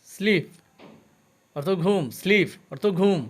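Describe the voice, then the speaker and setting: Teacher guy, fairly high voice, says each word twice, careful and slow. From Bangladesh. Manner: slow, careful drill with pronunciation notes. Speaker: English teacher. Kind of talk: vocabulary lesson, repeating each word twice.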